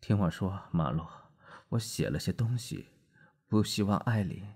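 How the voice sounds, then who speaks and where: A man voicing an exhausted, drunken middle-aged writer who talks slowly in a weary half-whisper. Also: low voice, lively intonation, a little mellow, breathy edge, pitched above the performer's own voice, full character voice.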